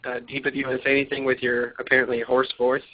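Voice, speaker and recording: Casual host voice, man, mid pitch, muffled line with faint hiss, loose and chatty. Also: monotone, racing. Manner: loose, upbeat, many fillers and restarts. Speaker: host of a community conference call. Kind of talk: casual conference call hosting. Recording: slightly dull line with faint noise.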